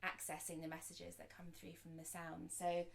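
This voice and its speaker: A woman guiding a group through a meditation, speaking softly and slowly with gentle pauses. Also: fairly low pitch, monotone, creaky. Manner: soft, slow and soothing, with gentle pauses. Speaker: sound healer and meditation guide. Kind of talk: guided meditation.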